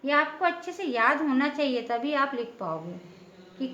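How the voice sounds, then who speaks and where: A woman's voice: high voice, very animated, moderate pace, pushed and bright. A woman teaching a patient, step-by-step lesson, often checking in with her listeners. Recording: echoey room, dull lo-fi sound.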